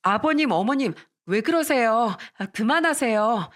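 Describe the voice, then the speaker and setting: A flustered young daughter-in-law, as the woman narrator puts her on, pleading in a raised, higher voice. Spoken for a radio-style story reading. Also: animated, a little slow.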